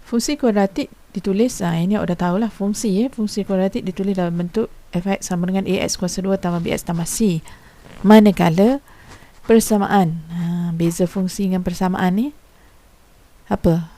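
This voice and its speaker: Patient woman teacher, mellow voice. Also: mid-range voice, steady tone, normal speed. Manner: patient explaining, poses questions to students; informal teacher's speech with frequent fillers. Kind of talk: recorded classroom lesson.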